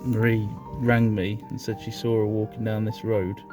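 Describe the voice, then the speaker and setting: A woman's voice: very deep voice, little pitch movement, normal speed, music in the background, low-quality recording. A woman vlogging her camper van build in a cheerful, chatty way, with some mild swearing, outdoors in a village. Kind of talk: casual vlog chat.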